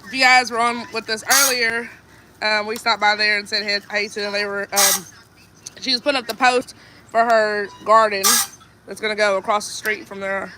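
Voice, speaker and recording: Despite a stuffy nose, this homesteading vlogger keeps things chatty, reading viewers' comments out loud and laughing readily. Her medium-pitched voice stays fairly even at a normal speed against a noisy background.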